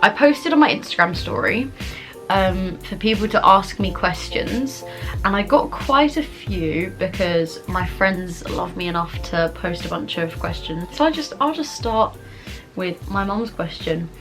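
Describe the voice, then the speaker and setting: A woman's voice: lowish voice, lively intonation, a little slow, music in the background. A young adult woman with a southern English accent chats casually in a rambling, informal mukbang vlog. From England, Kent. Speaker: vlogger answering viewer questions.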